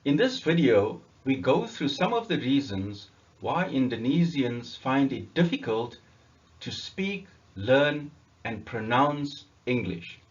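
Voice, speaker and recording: A man leads a pronunciation drill and says each item twice, slowly and with care. His pitch moves a lot and his pace is very slow. The recording sounds dull and lo-fi. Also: sing-song. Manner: deliberate, repeats each letter. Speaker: English teacher.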